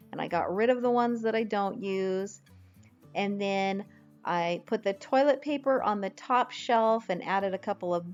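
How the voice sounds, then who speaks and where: A woman's voice: medium pitch, a little mellow, dull audio. Chatty woman narrating a home makeover, music behind. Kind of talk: casual scripted-feel makeover video narration. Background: background music.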